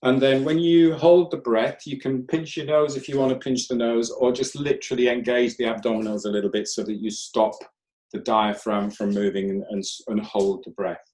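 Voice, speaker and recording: A man leading a live online breathwork class, counting breaths and giving calm, gentle step-by-step cues. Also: mid-range voice, moderate pace. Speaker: breathwork instructor. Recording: roomy echo.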